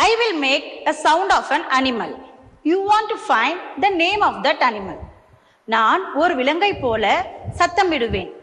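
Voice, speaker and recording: A woman teacher with a Tamil accent, giving a slow bilingual lesson to young children and repeating each line in two languages. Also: high voice, fairly bright tone, long reverb tail. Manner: slow, sing-song questions, repeats each line in English then Tamil.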